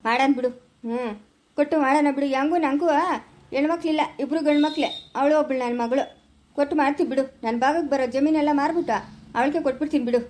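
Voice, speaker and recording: A woman with a rural Chikkaballapura Kannada accent playing a defiant, sharp-tongued grown village son in an amateur family skit, curt with his mother and gentle with a baby. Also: sits high, steady tone, fast, close to an everyday voice. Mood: stubborn. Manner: curt, dismissive, then soft cooing with a baby.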